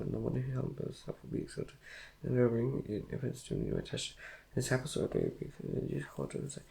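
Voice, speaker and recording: A man with a Korean accent reading scripture aloud, rushed and stumbling over words. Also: medium pitch, gravelly, dark tone. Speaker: Bible reader.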